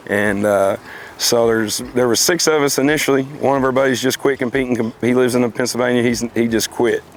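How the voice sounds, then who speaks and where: A man's voice: medium pitch, steady tone, a little fast, slight background noise. A middle-aged man, chatting casually and reminiscing in a folksy, plain-spoken way. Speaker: competitive car auctioneer being interviewed.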